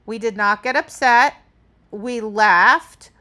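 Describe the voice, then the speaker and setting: A woman's voice: a little high, slow pace, pushed and bright. A woman dog trainer talking through a training demonstration, explaining each step and checking in with "right?". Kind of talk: instructional demonstration.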